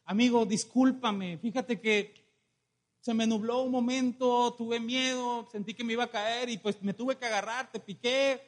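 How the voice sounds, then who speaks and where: Man doing a scheming scorpion, Mexican Spanish accent, wheedling, high voice. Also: steady tone, measured pace. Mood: pleading. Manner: wheedling, pleading apologies. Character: sly scheming scorpion, male, begging forgiveness.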